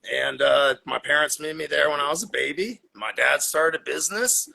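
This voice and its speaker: A Florida man in his forties, a cannabis grower appearing as a podcast guest, tells his story in a laid-back manner, swearing and laughing in casual chat. His voice is on the high side, gravelly, pushed and bright, at a moderate pace, on a low-quality recording.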